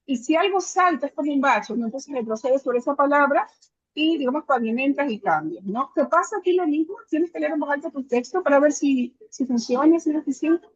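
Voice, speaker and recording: A woman with a high voice hosts a literary interview and asks long, winding, admiring questions. The sound is dry and slightly muffled. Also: animated, brisk, no room sound.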